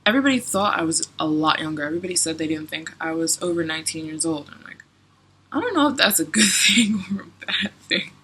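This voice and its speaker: Young woman in her twenties, bright crisp tone, chatty vlogger who laughs easily. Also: sits low, animated, fast talker, slight background noise. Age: 20s. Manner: chatty, giggly, lots of "like" and "um". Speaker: travel vlogger. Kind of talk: casual Q&A vlog.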